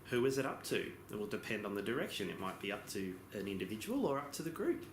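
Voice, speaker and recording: A man giving a simultaneous interpretation as voice-over for a lesson, explaining in phrases with pauses and occasional self-corrections. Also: on the low side, big pitch swings. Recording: echoey room with background noise.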